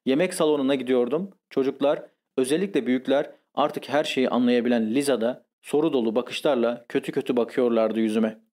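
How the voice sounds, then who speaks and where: A man reading a first-person literary confession as an audiobook, in a measured, grave and intense manner. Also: medium pitch, a little mellow. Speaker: audiobook narrator.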